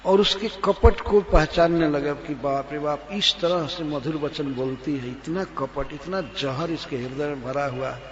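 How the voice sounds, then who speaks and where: A man's voice: a little high, unhurried, hardly any pauses, a little hiss or hum. A male spiritual teacher giving a scripture discourse, chanting verses and then retelling them as a story. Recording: long reverb, dull lo-fi sound.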